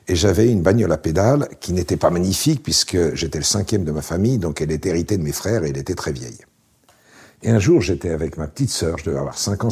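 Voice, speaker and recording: Casting: man, late 60s, low voice, very husky, relaxed wry storyteller. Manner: relaxed, wry, anecdotal with frequent fillers. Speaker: interview guest, founder. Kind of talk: casual storytelling interview.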